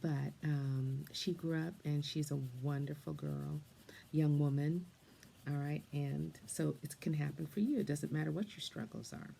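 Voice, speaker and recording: An older woman, soft-spoken and meandering, chatting as she colors and often slipping into a half-whisper. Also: low voice, steady tone, measured pace, gravelly, a little hiss or hum. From England, then Canada and the United States. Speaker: storyteller and coloring host. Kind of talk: gentle chatty storytelling while coloring.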